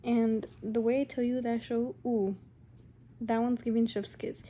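Exasperated woman with a very dark, mellow voice. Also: on the high side, level tone, measured pace, slight background noise. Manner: exasperated, repeats herself, keeps calling the viewer "honey". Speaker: vlogger. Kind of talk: casual rant to camera.

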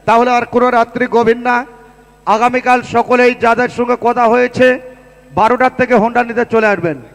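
Booming high-pitched Bangladeshi prize announcer, echoing PA. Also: male voice, steady tone. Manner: booming, showman-like prize announcer, drawn-out calls and rhymes. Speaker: lottery draw announcer at a fair. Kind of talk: live prize draw announcing. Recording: echoing PA with long reverb.

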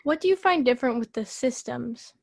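A woman's voice: fairly high pitch, lively intonation, a little fast, gravelly, soft background music. A woman podcast host asking short, direct interview questions.

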